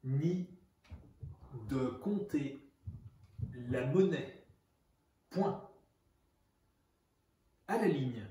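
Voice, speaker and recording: A man reads a dictation at a very slow, deliberate pace, pronouncing each phrase with care and naming the punctuation marks. His voice is mellow and sits a little high. The room is strongly reverberant. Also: distant mic. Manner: slow, deliberate, carefully articulated. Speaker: teacher giving dictation. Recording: very echoey room.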